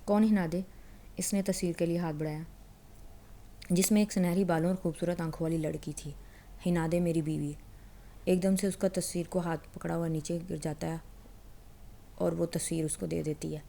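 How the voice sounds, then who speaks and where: A woman with a low, mellow voice retells a novel in a loose, conversational way. She speaks the characters' lines in her own plain voice and restarts a word here and there. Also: steady tone, vocal fry. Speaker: storyteller.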